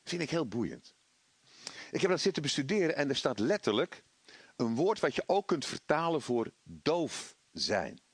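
A middle-aged man preaching a sermon, animated, acting out voices of doubt and the devil. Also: fairly high pitch, normal speed, breathy edge, dry recording.

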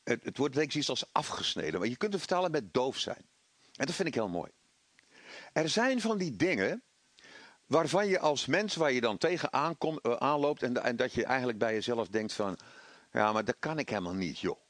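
A middle-aged man preaching a sermon, animated, acting out voices of doubt and the devil. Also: medium pitch, normal speed, no echo.

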